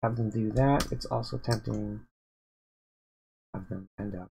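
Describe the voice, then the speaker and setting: A sleepy man working as a dungeon master, casually thinking aloud on a livestream as he plans his campaign, rambling and halting with many fillers and restarts. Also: lowish voice, fairly even intonation, vocal fry, warm tone, slight background noise, rough recording.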